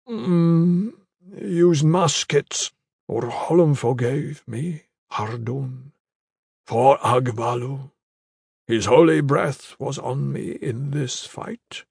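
A man voicing a dying, wounded male warrior in an audiobook, speaking weakly in a slow, halting way. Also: mid-range voice, gravelly, darkish tone, slightly rough, no echo, clean studio sound, full character voice. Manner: weak, slow, halting delivery. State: fading, barely holding on. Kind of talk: audiobook character voice.

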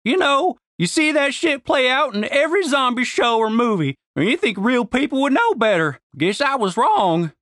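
A woman's voice: high-pitched, big pitch swings, normal speed, few pauses, a bit bright, no room sound, studio quality, voice pushed up. A man voicing a tough, crude, swearing woman fighter with blunt folksy slang. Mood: wry.

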